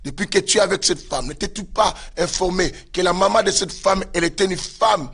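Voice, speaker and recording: A male pastor preaching with fervor, his voice pitched high and bright. He swings his tone up and down freely and keeps calling out to his listeners, with a slightly husky edge. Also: brisk. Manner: fervent preaching with repeated direct address to listeners. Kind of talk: sermon.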